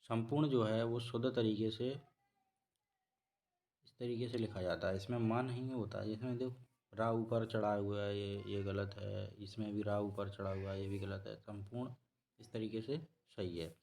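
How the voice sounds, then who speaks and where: A man teaching a spelling lesson for exam preparation, repeating each word slowly and correcting himself as he goes. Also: fairly low pitch, fairly even intonation, creaky, a little mellow. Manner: slow, repetitive explaining, self-correcting. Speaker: Hindi teacher.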